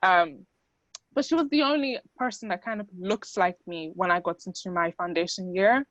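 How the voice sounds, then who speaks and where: A woman's voice: on the low side, moderate pace, fairly bright tone, dry recording, rough recording. A young woman who grew up in the Netherlands and speaks Dutch as her first language, giving a chatty talk to an audience with many fillers. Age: young adult. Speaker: student speaker.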